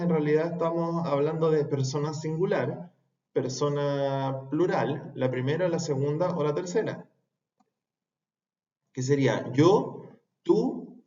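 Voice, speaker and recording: A man teaching a pronunciation lesson, repeating words slowly and carefully. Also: fairly high pitch, warm tone. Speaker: English teacher. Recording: echoey room, dull lo-fi sound.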